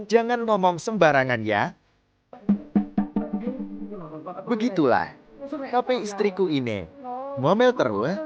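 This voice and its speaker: A woman's voice: fairly low pitch, lo-fi sound. A woman voicing a lazy, whiny young husband who sulks at his nagging wife. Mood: complaining. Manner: whiny, sulky. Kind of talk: dubbed skit acting. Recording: music playing behind.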